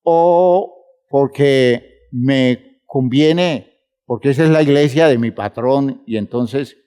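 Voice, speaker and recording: A man preaching a sermon, emphatic and measured, speaking to the congregation as brothers and stretching words for emphasis. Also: medium pitch, dark tone, smooth.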